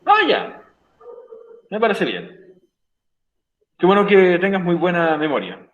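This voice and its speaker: A man's voice: high-pitched, very animated, slow pace, fairly bright tone, roomy sound, dull audio. A man with a Chilean Spanish accent teaching an English lesson in a virtual class. He is emphatic, repeats his points and keeps asking "ok?". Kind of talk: online class explanation.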